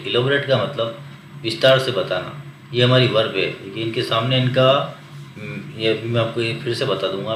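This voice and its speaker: Male English teacher, lowish bright voice, repetitive drilling delivery, roomy echo. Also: slight background noise. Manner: repeats memory tricks over and over, explanatory. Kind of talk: vocabulary lesson in Hindi.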